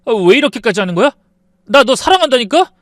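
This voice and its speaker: A man's voice: extremely high pitch, very animated, brisk, no room sound, clean studio sound, pitched above the performer's own voice. A man voicing a young husband caught lying, who begs and whines to his wife. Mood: pleading. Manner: begging, whiny.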